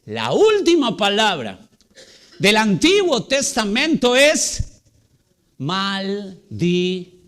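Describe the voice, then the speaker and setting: A man pastor preaching a Sunday sermon to his congregation. He asks rhetorical questions, repeats key words and slows down to stress them. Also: high voice, lively intonation, pushed and bright. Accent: Latin American Spanish. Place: church.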